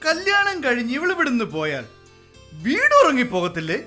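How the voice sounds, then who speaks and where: A woman's voice: high-pitched, huge pitch swings, normal speed, pushed and bright, exaggerated voice. A woman voicing a boastful, scheming middle-aged father who brags about his actress daughter, with faint music behind. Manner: bragging, sly, scheming.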